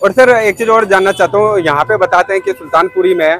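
A man with a rather high voice hosts a market video, politely asking questions and nodding along with short acknowledgements. He is recorded at an outdoor street market. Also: brisk, a bit bright, soft background music. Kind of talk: street interview.

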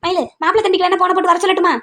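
A woman's voice: extremely high pitch, little pitch movement, rapid-fire, pushed and bright. A woman voicing a boastful, doting grandfather who bickers with his wife in a cartoon. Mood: bickering. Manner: teasing, bickering.

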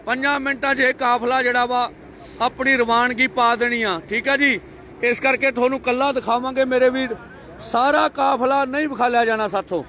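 A man giving energetic live commentary outdoors by a highway among tractors, urging viewers again and again to share, on a handheld phone. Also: moderate pace, some chatter behind, a little hiss or hum. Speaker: live-stream reporter at a farmers' convoy.

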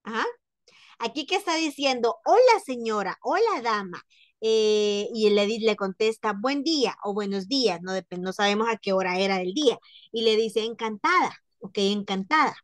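Over a video call, a woman patiently teaches French to Spanish-speaking students, slowly repeating words and explaining pronunciation. Her voice is medium-pitched, with no echo.

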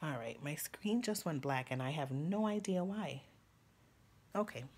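Low-pitched, animated and unhurried, with a darkish, slightly rough quality, this woman hosts a painting tutorial live stream from her home desk. She talks and laughs freely as she paints, a New Yorker whose first language is Spanish, speaking with a Dominican Spanish-influenced New York accent.

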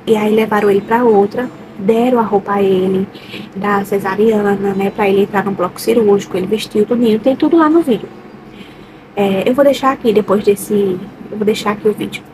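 A woman's voice: mid-range voice, steady tone, brisk, background noise. A young woman from Brazil, a vlogger, tells her birth story in a chatty, emotional way, with many repeats and diminutives. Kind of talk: personal birth story, casual chat.

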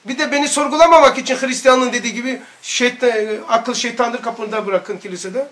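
A man teaching an informal religious lesson, animated, asking his listeners rhetorical questions and barking mock military commands as examples. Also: very high voice, fairly quick. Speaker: religious study-circle teacher.

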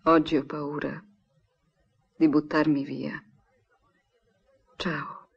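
In a 1960s Italian film dub, a woman with a low, flat voice draws out her words with vocal fry, acting heavily as a troubled young woman who intimately and anguishedly pours out her longing for an absent professor. The dull lo-fi soundtrack carries a little hiss or hum.

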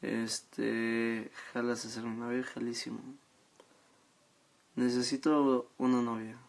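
A seventeen-year-old young man with a Mexican accent streams live on social media, chatting casually and haltingly as he reads out and answers viewer comments. His mid-range voice has vocal fry and a flat delivery. He speaks into a phone held at arm's length.

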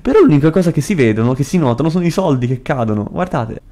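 A young man with a Florentine Italian accent giving casual gameplay commentary, excitable and swearing a lot. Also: a little high, quick pace. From Italy. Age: young adult. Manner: excitable, swears a lot, shrieks when startled. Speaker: gaming youtuber.

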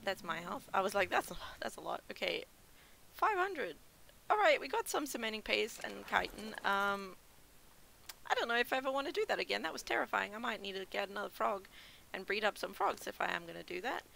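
A woman chats through her gameplay as a YouTuber, her voice bright with a gravelly edge. She panics easily, repeats herself in bursts and laughs nervously. A faint hiss of noise sits behind her desk mic. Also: mid-range voice, animated, fairly quick. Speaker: gaming YouTuber. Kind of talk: casual gameplay commentary.

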